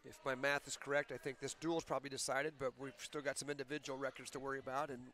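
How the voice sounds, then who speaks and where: A man's voice: mid-range voice, level tone, fast talker. Guy doing local wrestling commentary, talks through the team math, bit of noise behind. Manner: chatty, explains rules and team math. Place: school gym.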